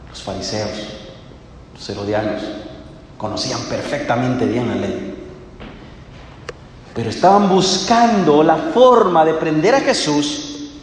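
A man preaching a sermon, asking the listeners rhetorical questions and swinging between loud and hushed. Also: mid-range voice, expressive, unhurried, long pauses, a little hiss or hum. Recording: echoey hall.

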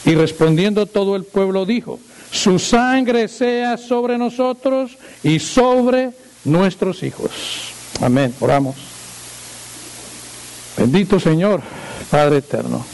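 A male pastor reading scripture aloud in a sermon and praying, slow and solemn, lifting his voice for quoted speech. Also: sits high, a little mellow, low-quality recording. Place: church.

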